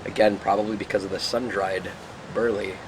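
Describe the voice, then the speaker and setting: A man giving a casual, unhurried review to camera outdoors, musing and trailing off as he puffs on a pipe. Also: sits low, steady tone. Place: outdoors in the wind. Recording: noisy outdoor recording with wind and traffic.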